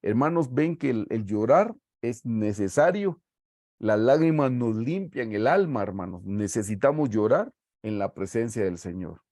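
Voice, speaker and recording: Man, Guatemalan Spanish accent, sermon-style Bible study, warm dark voice, video call, verses read slowly. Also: mid-range voice, animated, dry recording, studio quality. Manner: reads verses slowly, often addresses listeners as brothers.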